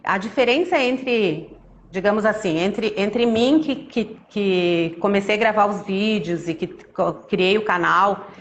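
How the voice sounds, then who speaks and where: A woman storyteller who tells a children's tale with lively, expressive intonation, then chats casually with frequent restarts. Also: mid-range voice, unhurried, muffled recording, slight background noise. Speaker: storyteller guest.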